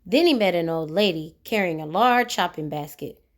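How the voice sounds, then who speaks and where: A woman with a fairly low voice reads a children's storybook aloud at a moderate pace, narrating with animation and expression. She asks questions of her young listeners as she goes.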